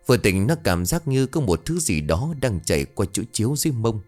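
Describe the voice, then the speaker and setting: A man giving expressive ghost story narration. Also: lowish voice, brisk, faint music behind.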